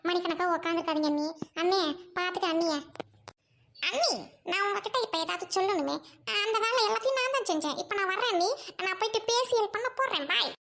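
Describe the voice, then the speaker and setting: A woman voicing a gentle, hurt young bride. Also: very high voice, fast talker, creaky, exaggerated voice. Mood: cheerful. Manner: soft, yielding, tearful. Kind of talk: amateur Tamil audio drama.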